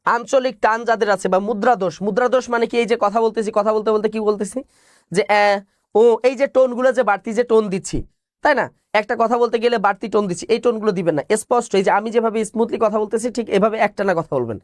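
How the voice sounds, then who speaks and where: A man's voice: sits high, very fast, no echo. Male tutor, exam coaching, repeats key points, dry close recording. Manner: explains point by point, repeats key phrases, asks and answers his own questions. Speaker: teacher. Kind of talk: online exam-prep class.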